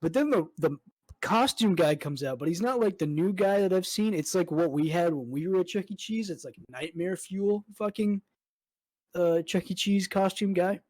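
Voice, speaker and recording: A young podcast co-host at home tells a long, rambling story at normal speed in a high voice with a darkish tone. The casual chat is full of "like" and heavy swearing, captured in poor audio with no echo.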